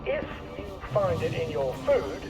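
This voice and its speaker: An actor playing a male camp announcer reading deadpan official notices over a loudspeaker. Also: high-pitched, a little slow, gravelly, over music, full character voice. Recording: echoey loudspeaker from far off.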